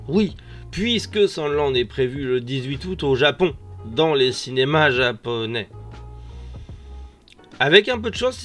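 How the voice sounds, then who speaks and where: Man with a lisp, music behind. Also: a little high. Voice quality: pronounced lisp, slushy s sounds. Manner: informal, slangy, opinionated. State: mouth swollen with a sore, labored articulation. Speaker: host of a manga and anime news show. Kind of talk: casual news commentary to online viewers. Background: background music.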